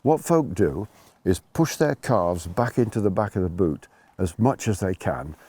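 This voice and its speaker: A man's voice: deep voice, lively intonation, measured pace, darkish tone, slightly rough. A man working as a ski instructor, explaining things informally to learners in an emphatic way, rephrasing and repeating his points.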